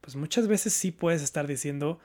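Man, fairly high voice, measured and careful in chat. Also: a crowd in the background. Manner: careful, measured, with some hesitations. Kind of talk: casual chat.

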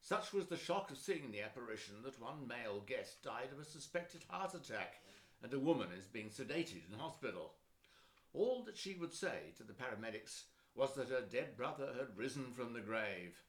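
Man doing a tv newsreader, measured broadcast read, echoey room. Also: medium pitch, a bit bright. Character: formal male TV newsreader. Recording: roomy echo.

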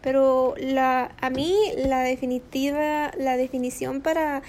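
A middle-aged woman with a high, girlish voice hosts her podcast in a casual, rambling motivational monologue, full of fillers and slipping into English now and then. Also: little pitch movement, a little slow, a little mellow, a little hiss or hum. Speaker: podcast host.

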